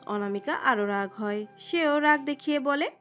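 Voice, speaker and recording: A woman narrates a romantic story with an expressive, dramatic reading. Her voice sits high, and soft music plays underneath. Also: moderate pace. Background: soft background music.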